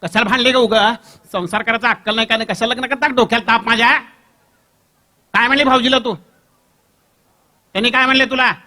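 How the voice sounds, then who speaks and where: Brash lad on a phone call, high and bright, blunt and exasperated, played by a male mimic. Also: moderate pace, exaggerated voice. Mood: scolding. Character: brash Solapur boy scolding his sister on the phone.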